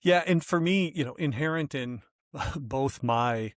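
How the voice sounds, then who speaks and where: A man's voice: fairly high pitch, unhurried, dry recording, studio quality. A man co-hosting a business podcast, talking casually and thinking aloud with fillers and restarts. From US West Coast. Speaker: podcast co-host. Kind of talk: casual conversational podcast talk.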